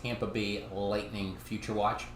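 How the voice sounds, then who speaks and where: Slow, chatty card-break host. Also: deep voice, little pitch movement, slight background noise. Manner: chatty, teasing viewers by name. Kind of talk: live card break commentary. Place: card shop. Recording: roomy echo.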